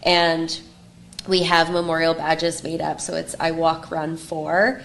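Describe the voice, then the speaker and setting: A woman in an interview clip, speaking gently and earnestly about support for grieving families. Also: deep voice, little pitch movement, takes it slowly, creaky, a little hiss or hum.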